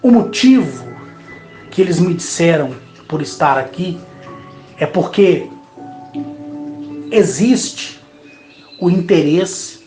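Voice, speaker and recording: A man's voice: a little high, expressive, slow pace, long pauses, dark tone, roomy sound, rough recording. Earnest man rambling over music. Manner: rambling, earnest, often checks in with "tá?" and "correto?". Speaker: channel host speaking on spiritual and alien contact. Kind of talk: casual monologue to viewers.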